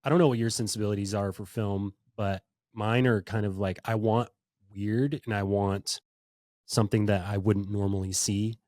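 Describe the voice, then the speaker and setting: A man's voice: on the low side, fairly even intonation, normal speed, darkish tone, no room sound, clean studio sound. A man hosting a podcast interview in a casual, rambling way, full of fillers and restarts. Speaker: podcast host.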